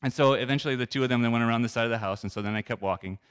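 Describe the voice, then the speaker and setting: A man's voice: medium pitch, rapid-fire, clean tone. A man giving a personal testimony in a conversational, earnest and self-deprecating way.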